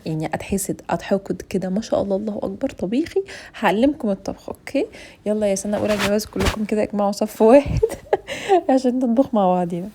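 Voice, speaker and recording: Rapid-fire chatty Egyptian woman. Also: medium pitch, dark tone, husky. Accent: Egyptian Arabic. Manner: talkative, playful, teasing, addresses viewers directly. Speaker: cooking and home vlogger. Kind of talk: chatty cooking tutorial.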